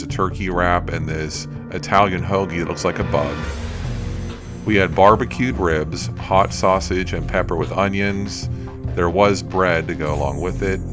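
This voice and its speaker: A man narrating a food review vlog as a voice-over in a plain-spoken, itemizing way. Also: low-pitched. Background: music.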